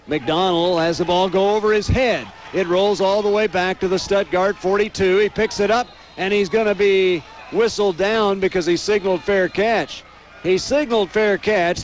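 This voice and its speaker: The play-by-play of this live football radio broadcast comes from an American man whose voice sits high and whose pace is ordinary. Steady ambient sound from the noisy outdoor stadium runs beneath it.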